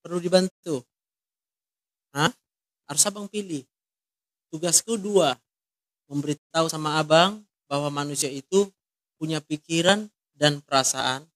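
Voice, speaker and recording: A man's voice: on the high side, unhurried, long pauses, fairly bright tone, no room sound. A man, counseling someone one-on-one and asking many short, direct questions. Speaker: counselor in a ministry.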